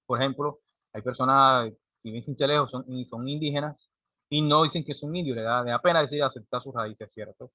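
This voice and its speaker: Speaking a little fast in a mid-range voice, a male teacher gives an explanatory classroom lecture peppered with rhetorical "¿cierto?" checks. The audio is dry and muffled.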